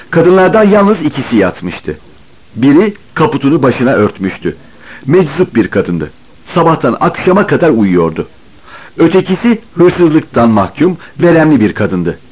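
Man, audiobook narration, husky voice, animated pitch, expressive storytelling. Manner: expressive storytelling, varied intonation.

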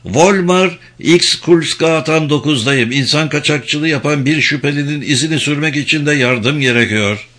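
A man voicing a calm woman police officer who asks steady, firm questions. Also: on the high side, normal speed, hardly any pauses.

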